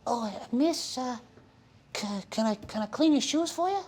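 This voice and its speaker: A man's voice: extremely high pitch, animated, normal speed, a little mellow, pitched above the performer's own voice. A man voicing an eager, polite young shoeshine boy who talks in a hesitant, colloquial street manner. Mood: shy, eager.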